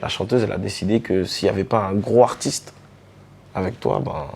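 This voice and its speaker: Caribbean-born guy, dj, chatty and loose, mellow dark voice, lots of uh and restarts. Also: lowish voice, brisk, creaky, a little hiss or hum. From French Caribbean. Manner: relaxed, many fillers and restarts, addresses the host familiarly. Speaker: DJ and artist, interview guest. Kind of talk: casual storytelling interview.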